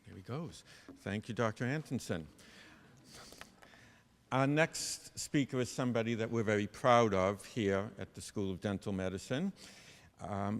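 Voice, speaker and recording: A man with a fairly low voice makes formal introductions as master of ceremonies. His speech carries the long reverb of a hall.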